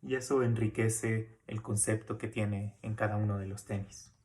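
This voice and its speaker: With a steady tone and a slightly mellow, low voice, a man from Mexico who lectures at a university goes through a recorded course at normal speed. His delivery is relaxed and chatty, peppered with fillers and small tag questions.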